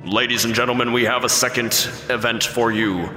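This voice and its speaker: A man, the dungeon master, voicing a showman arena announcer whose booming voice rings out as if magically amplified, drawn out slowly. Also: steady tone, sharp tone, reverberant, in a large hall, soft background music. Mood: grandstanding. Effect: booming voice projected over an arena, as if magically amplified.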